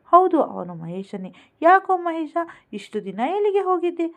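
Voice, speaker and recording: A woman reading the lines of a tender, doting older widowed mother in a storybook, gently scolding. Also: mid-range voice, expressive, moderate pace, lightly acted.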